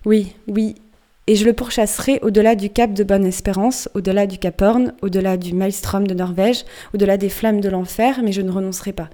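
A raging old sea captain, consumed by vengeance, as a woman reader puts him on. He declaims low and heavy, his voice dark and mellow. Read aloud in storybook style. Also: fairly even intonation, a little fast, natural voice.

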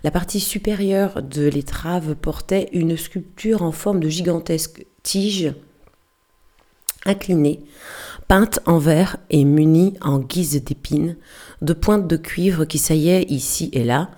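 Woman audiobook reader, low pitched and mellow, measured delivery. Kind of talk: scripted narration.

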